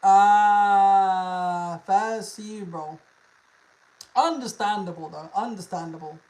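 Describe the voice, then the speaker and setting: Speaking at a normal speed with fairly even intonation, a content creator addresses livestream viewers in a middling pitch. Their casual delivery is packed with slang and curse words, and they often repeat phrases.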